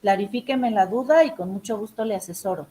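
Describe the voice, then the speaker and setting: A woman's voice: mid-range voice, a little fast, mellow, rough recording. A woman teacher giving emphatic, direct instructions to her students in an online class session.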